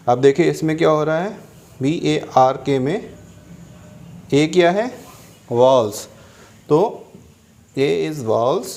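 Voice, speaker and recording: A middle-aged man with an Indian English accent teaching a classroom lesson, explaining slowly and repeating key points. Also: mid-range voice, darkish tone.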